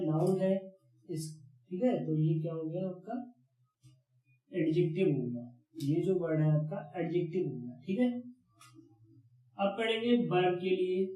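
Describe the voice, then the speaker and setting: A man's voice: high voice, mellow. A male teacher explaining grammar, asking himself questions and repeating key words. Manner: repetitive question-and-answer explaining. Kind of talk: grammar lesson. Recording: echoey room.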